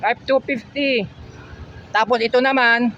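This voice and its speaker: A man's voice: extremely high pitch, fairly even intonation, unhurried, pushed and bright, lo-fi sound, slight background noise. A man with a Filipino accent vlogging casually at outdoor stalls, asking vendors for prices and talking to his viewers as friends. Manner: chatty, asks prices, addresses viewers as friends. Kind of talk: casual walk-through vlog.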